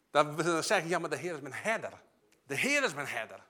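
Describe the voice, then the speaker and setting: A man's voice: a little high, sing-song, moderate pace. A man preaching a sermon, emphatic and passionate, often repeating and restarting his phrases. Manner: emphatic, rising to loud passionate peaks.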